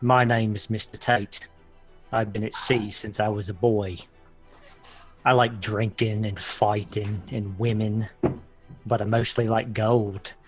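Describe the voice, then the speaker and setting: A man's voice: on the low side, level tone, a little slow, faint music behind, lightly acted. A man voicing a creepy, gold-hungry male pirate who talks in a sly, wheedling way.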